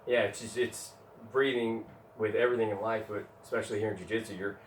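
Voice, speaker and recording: A man with a lowish voice lays out jiu-jitsu advice in steady, explanatory stretches. The mic sits some way off in an echoey gym, and faint ambience runs underneath. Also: fast, recorded from a distance, slight background noise. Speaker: jiu-jitsu training partner. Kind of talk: casual instructional chat.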